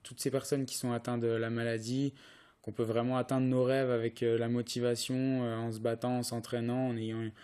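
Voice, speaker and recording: A man's voice: mid-range voice, completely flat delivery, a little fast, warm tone, clear, resonant tone. A young man from France, a pro cyclist, answering interview questions hesitantly with many restarts and fillers. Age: young adult.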